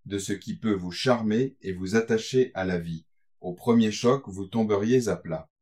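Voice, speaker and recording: A bitter old Spanish coachman, as a male reader puts him on, laying out grave advice with a weary seriousness. The voice sits low, and it comes across as an earnest storybook warning. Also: a little mellow, lightly acted. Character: bitter ruined Spanish coachman, older man. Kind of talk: audiobook reading.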